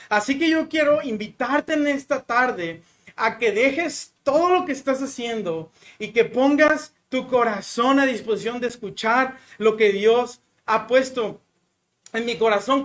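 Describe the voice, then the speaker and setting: A man with a Mexican accent giving a conversational sermon, chatty and full of little fillers, then slowing and softening as he prays. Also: very high voice. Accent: Mexican Spanish. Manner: chatty, fills pauses with "¿no?" and "o sea"; slows down and softens when praying. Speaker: preacher. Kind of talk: conversational sermon with personal story.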